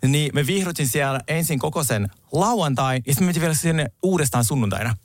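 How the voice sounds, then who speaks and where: A man's voice: a little high, lively intonation, no echo. A young man from Finland co-hosting a podcast in casual, chatty talk, laughing often and telling stories with animation. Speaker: podcast co-host. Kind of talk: casual chat.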